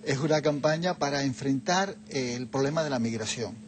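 A man's voice: mid-range voice, brisk, slight background noise. Older man speaking reflectively. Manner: reflective, explanatory. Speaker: guest, Jesuit leader. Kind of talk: TV studio interview. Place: TV studio set, seated on a sofa. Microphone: lapel mic.

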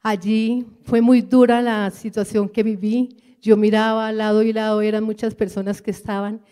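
A woman's voice: medium pitch, little pitch movement, normal speed, mellow, clear, resonant tone. A woman giving an earnest personal testimony to her church congregation, addressing them as brothers and sisters.

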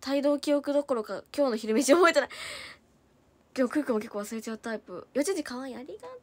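Young woman, high voice, fast casual livestream chatter, Hiroshima dialect flecks. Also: expressive, a little mellow. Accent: Hiroshima dialect in places. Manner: chatty, quick-talking, reads viewer comments aloud and thanks them. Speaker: idol livestreamer reading comments.

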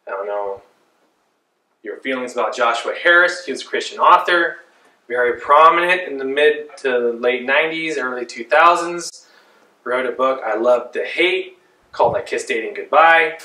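A pastor in his forties speaks at a moderate pace in a mid-range voice, preaching conversationally and loosely from a small church's pulpit while his hands stay busy with animated gestures. The mic sits at a distance on a far camera, so the church echo is roomy.

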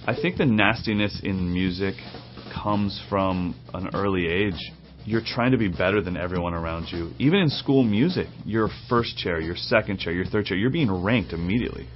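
A man's voice: deep voice, normal speed, soft background music. A man in his forties, a drum teacher, telling his story in a candid, reflective documentary interview, seated in an indoor drum studio. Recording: slightly dull, muffled audio.

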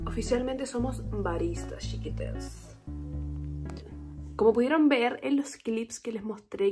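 A young woman with a Chilean Spanish accent telling a story to camera in a casual, animated vlog. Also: on the high side. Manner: chatty, animated storytelling with quoted reactions. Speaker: vlogger.

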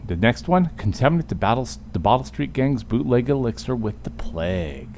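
A man's voice: medium pitch, very animated, brisk, darkish tone. A man giving casual video game commentary and reading in-game texts aloud. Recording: clear background noise from game. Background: game ambience.

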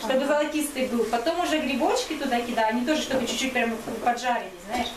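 A woman chatting casually and colloquially, telling things in an animated way. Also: fairly high pitch, fast talker, crowd noise. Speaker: friend hosting at home, cooking. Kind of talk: casual chat. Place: small home kitchen. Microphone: camera a few steps away. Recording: echoey kitchen, distant mic, music.

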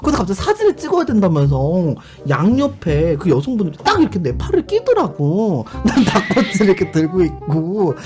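A male streamer chatting casually and telling a story. He talks in an animated way, laughs often, and acts out other people's lines. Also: sits high, brisk, hardly any pauses. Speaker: YouTube streamer. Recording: background music under the voice. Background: music.

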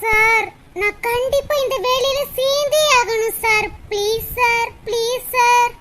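A woman's voice: very high voice, fairly even intonation, measured pace. A woman voicing a dreamy, lovestruck young woman at a job interview in a cartoon, talking in a dazed, pleading way. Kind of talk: cartoon voice acting. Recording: loud background noise.

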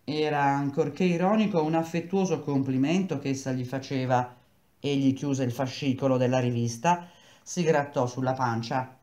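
A woman reading a novel aloud, acting out the dialogue with lively shifts in pitch. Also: moderate pace. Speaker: reader. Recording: echoey room.

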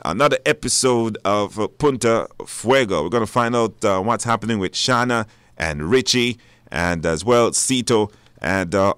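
Broadcasting live from a dry radio studio, this talk show host has a smooth, somewhat bright voice on the low side, with no echo. He announces informally, hesitating and repeating himself.

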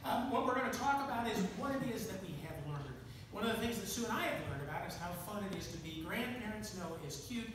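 A man's voice: high voice, lively intonation, fast talker, hardly any pauses. A man in his sixties preaching a sermon, telling folksy stories with self-deprecating asides. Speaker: pastor. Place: church sanctuary with pipe organ. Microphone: room camera from the back of the church. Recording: echoey church, distant camera, audible room noise.

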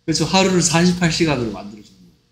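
A man teaching an English lesson for a school exam. He speaks Korean with a Korean accent, draws out English phrases slowly and keeps asking whether the class has followed. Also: a little high, lively intonation, faint music behind. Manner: repeats "됐습니까?" to check understanding; slow, drawn-out delivery of English phrases.

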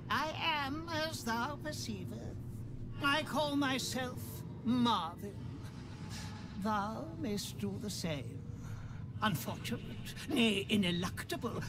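An actress voicing a whimsical talking skull in a video game, posing riddles in theatrical, archaic English. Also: female voice, medium pitch. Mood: teasing, grandiloquent. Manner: theatrical, archaic, drawn-out delivery. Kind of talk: video game character acting.

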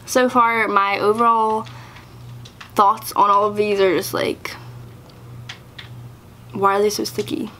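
A woman's voice: medium pitch, little pitch movement, slow pace, pauses often, bright, forceful tone, a little hiss or hum. A young woman casually reviewing products in a vlog, chatty and exasperated, with lots of filler words. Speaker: YouTuber.

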